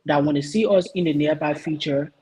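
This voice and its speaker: A man from Liberia answering interview questions earnestly, pausing often with ums while he searches for words. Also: fairly high pitch, warm tone, breathy edge, poor audio. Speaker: guest, youth association vice president.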